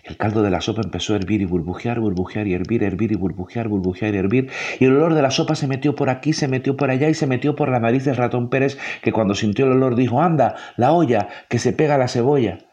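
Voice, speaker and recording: A man narrating a children's story in a rhythmic, expressive way, leaning into repetitions. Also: mid-range voice, quick pace, dull audio.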